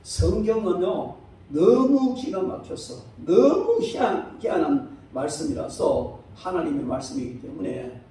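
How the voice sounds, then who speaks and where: High-voiced pastor preaching in an echoey church. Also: male voice, wildly swooping pitch, unhurried, distant mic. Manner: emphatic preaching, swinging between loud high exclamations and low quiet asides. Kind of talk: sermon. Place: church sanctuary. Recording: echoey church hall, speaker away from the mic.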